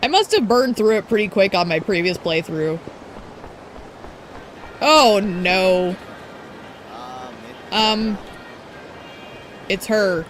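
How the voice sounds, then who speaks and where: A woman's voice: mid-range voice, lively intonation, slow, long pauses, slight background noise, poor audio. A woman streamer giving casual gameplay commentary, talking in a blunt, exasperated, chatty way.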